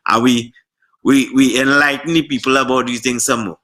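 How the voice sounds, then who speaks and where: A Trinidadian man appearing as a talk show guest. His voice is bright and forward, with a mid-range pitch. He speaks earnestly and from the heart, stumbling a little as he goes. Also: steady tone. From Trinidad and Tobago. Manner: earnest, heartfelt, slightly halting. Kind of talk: casual political chat.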